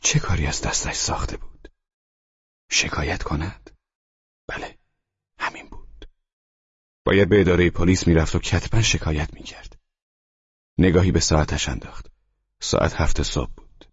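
A man narrating an audiobook in a measured, even storytelling manner. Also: deep voice, breathy edge, no room sound, muffled recording.

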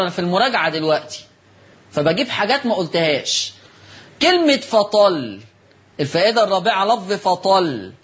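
Egyptian guy teaching on air, pretty high voice, keeps asking questions then answering them himself. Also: fairly bright tone. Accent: Egyptian Arabic. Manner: reads notes slowly and stresses key words. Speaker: Quran recitation teacher and TV host. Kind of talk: broadcast lesson with callers.

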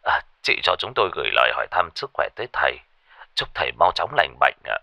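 A man's voice: rumbling low, very animated, quick pace, vocal fry, sharp tone, no echo, clean studio sound, full character voice. A man voicing an anxious older man of a grieving family, speaking politely and with worry. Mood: worried polite. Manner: polite, worried.

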